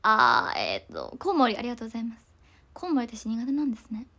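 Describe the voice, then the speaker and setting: A young woman, chatting fast and casually on a livestream, reading viewer comments and often apologizing. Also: fairly high pitch, huge pitch swings, pushed and bright.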